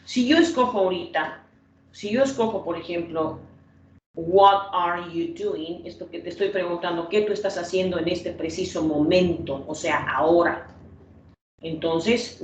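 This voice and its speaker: A woman's voice: on the low side, lo-fi sound. Spanish-speaking woman teaching, distant, roomy sound. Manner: patient, repeats points and quizzes students by name. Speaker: English teacher. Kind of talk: online class explanation.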